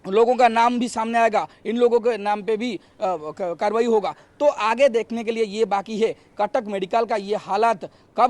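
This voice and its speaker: Male reporter, high voice, halting delivery, restarts and fillers, unscripted news update. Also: a little mellow, dry recording. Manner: repetitive, circling phrasing.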